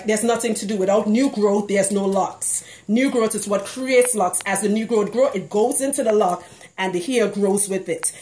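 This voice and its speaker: Speaking in a Trinidadian accent, a woman from Trinidad who consults on hair care vlogs to her audience, frank and relaxed, with frequent laughter. She has a medium-pitched, somewhat dark voice, and the recording echoes noticeably.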